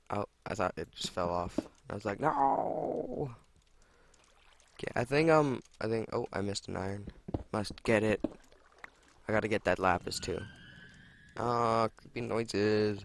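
A man's voice: fairly low pitch, fairly bright tone, slight background noise. Chatty young man narrating gameplay. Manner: chatty, swearing, exclaiming at finds and mishaps. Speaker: let's play gamer. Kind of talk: casual gameplay commentary.

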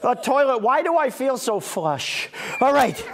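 A man's voice: very high voice, very animated, measured pace. A middle-aged man working as a kids party magician, playing to a live audience with theatrical mock exasperation and exclamations. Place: small indoor stage before an audience of children. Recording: noisy live room with crowd of children.

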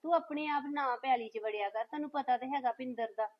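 A woman's voice: high voice, fairly quick, highs cut off. A Punjabi woman acting a family member in a village drama, reasoning and lecturing a relative.

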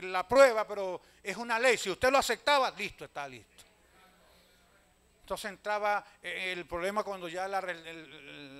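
A man, a pastor telling stories in a sermon, swinging from loud calls to hushed asides and often addressing listeners as brother. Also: high-pitched, clean tone. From Venezuela. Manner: storytelling preacher, swings from loud calls to hushed asides, keeps saying "hermano".

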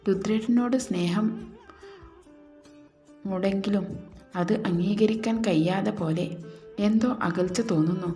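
A woman telling a romantic story with soft, emotional narration. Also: medium pitch. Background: faint background music.

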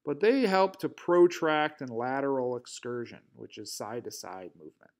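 A man's voice: medium pitch, animated, moderate pace. A man giving a recorded anatomy lecture, explaining step by step over drawings with some fillers and restarts. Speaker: instructor. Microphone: voice-over narration over drawings.

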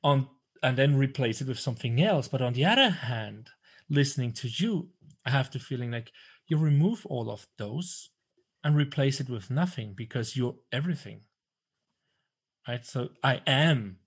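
A man's voice: medium pitch, normal speed, slightly rough. A man in his thirties from Switzerland, hosting a casual interview over a video call at home, talking animatedly. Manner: animated, gestures a lot, swears when flustered. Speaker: podcast host. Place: small room at home. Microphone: desk microphone on video call.

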